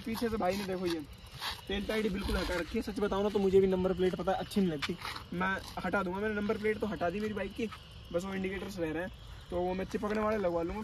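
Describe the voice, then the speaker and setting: Young male bike vlogger, high-pitched and chatty, outdoors with faint street noise behind. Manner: chatty, addresses viewers as bhai, directs cameraman. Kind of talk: casual vlog walkthrough. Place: outdoors by the roadside at dusk.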